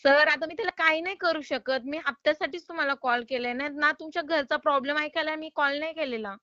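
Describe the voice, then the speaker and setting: A woman's voice: high-pitched, quick pace, sharp tone, no echo, lo-fi sound. A woman calling to collect a loan payment, polite but insistent and exasperated. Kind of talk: phone call.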